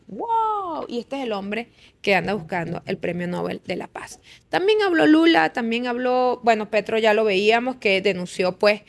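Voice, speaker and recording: A woman from Venezuela with a Venezuelan accent, hosting a political commentary show in an emphatic, indignant way, full of rhetorical questions. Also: mid-range voice.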